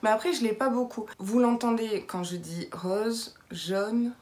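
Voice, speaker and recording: A young vlogger from Béarn in southwest France chats playfully to the camera, with a light southwestern French accent. Her voice sits on the high side, she talks at a moderate pace, and she keeps tossing in lively asides.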